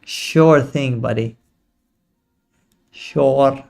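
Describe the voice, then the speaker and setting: In a gravelly, darkish voice of medium pitch, a young man drags out his words while hosting a live trading stream. He talks casually to chat, using slang and poking fun at viewers.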